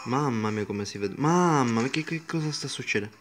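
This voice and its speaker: A man's voice: medium pitch, expressive, fairly quick. A young man hosting a gaming channel, commentating a mobile game casually, exclaiming, laughing often and tripping over his words.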